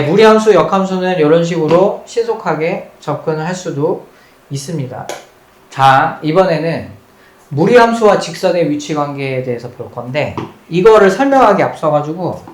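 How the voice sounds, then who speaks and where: Math teacher lecturing in an echoey room. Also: mid-range voice. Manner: drills key points by repeating them, quizzes students; mixes polite and casual speech toward students. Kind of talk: recorded lecture at a board. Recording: roomy echo with faint background noise.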